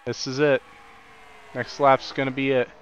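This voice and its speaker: A man's voice: medium pitch, level tone, moderate pace, dull audio, a little hiss or hum. A man hosting and commentating a sim racing league, blunt and often exasperated at the crashes. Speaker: race commentator and league host.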